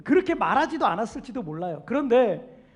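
A man from South Korea delivers a Sunday sermon in a church, his voice pitched unusually high for a man. He is emphatic, rising in volume on questions and pleas before sinking into a quiet, intimate tone. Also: big pitch swings, fairly quick, breathy edge. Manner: emphatic, swells louder on questions and pleas, then drops soft; acts out what doubters say. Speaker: senior pastor.

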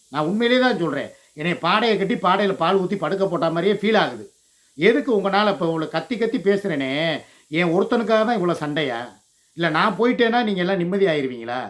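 Emotional high-voiced older man pleading. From Tamil Nadu, India. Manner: pleading and scolding, loud and emotional. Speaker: channel host. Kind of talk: emotional vlog rant.

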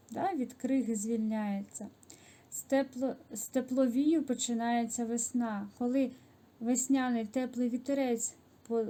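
Patient, mellow-voiced woman teacher. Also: fairly high pitch. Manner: patient, explanatory, with small hesitations and self-corrections. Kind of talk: literature lesson for children, reading and explaining a poem.

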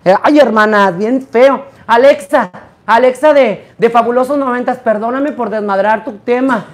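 A hoarse man hosting a rowdy live stream at an indoor party, cursing and exclaiming theatrically. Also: extremely high pitch, moderate pace. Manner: brash, profane, theatrical exclamations.

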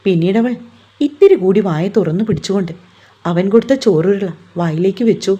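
A woman narrates a romance novel in a calm, even storytelling voice. Her tone is dark and mellow, with a soft husky edge. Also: mid-range voice, brisk, highs cut off.

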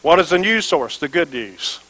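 Pastor, male, high-pitched, preaching call-and-response style, repetitive and emphatic, questions the congregation. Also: lively intonation, moderate pace, sharp tone, rough recording. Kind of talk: sermon. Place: church before a congregation.

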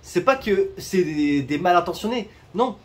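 A man's voice: sits high, lively intonation, moderate pace. A man from France giving travel tips in a casual vlog, chatty and joking, speaking straight to viewers outdoors. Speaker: travel vlogger.

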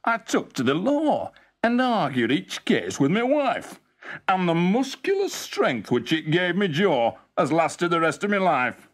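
A man voicing an eccentric, boastful, crotchety old father in comic storybook verse, pompous, theatrical and drawn-out. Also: sits high, huge pitch swings, exaggerated voice.

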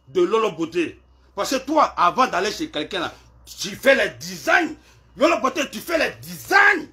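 Taunting man ranting, high bright voice. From Ivory Coast. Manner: taunting, repetitive, swings between shouting and low mutters. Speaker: social media clasher. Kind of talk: live video rant.

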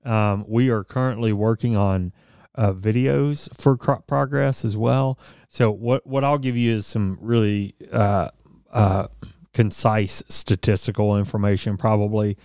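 Relaxed man with a mellow studio voice. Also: fairly low pitch, unhurried, smooth, dry recording. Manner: conversational, reads statistics with frequent fillers. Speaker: podcast co-host. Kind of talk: casual radio-style news chat. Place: small studio office with bookshelves. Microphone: studio mic on boom arm, headphones.

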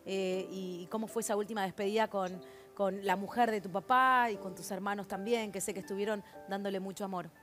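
An Argentine woman interviews a guest on a television panel. Her voice sits at a medium pitch, with faint music behind it in the studio. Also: fairly even intonation, brisk, a bit bright. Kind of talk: interview questioning.

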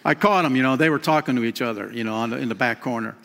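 Emphatic pastor in an echoing hall. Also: male voice, medium pitch, racing, vocal fry. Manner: lively, emphatic, calls listeners "man" and "friend". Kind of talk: sermon. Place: church stage behind a clear lectern. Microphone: lectern mic. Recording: long church hall reverb.

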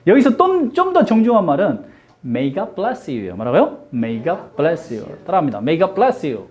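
Brief: lively English teacher, pitch swinging widely, repeat-after-me drills. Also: slow. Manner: animated, jokey, drills repeat-after-me phrases. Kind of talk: classroom lecture.

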